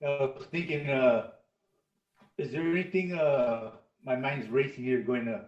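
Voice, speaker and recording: A man's voice: medium pitch, fairly even intonation, a little slow, darkish tone. A man playing a tabletop role-playing game, rambling as he searches for words. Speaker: player. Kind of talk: casual tabletop play. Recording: distant, roomy, lo-fi.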